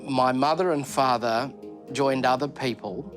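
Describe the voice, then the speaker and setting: A male reporter asks short, probing questions in a TV news interview. He sounds curious about what he is hearing, at a middle pitch. Faint music plays beneath him. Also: a little slow.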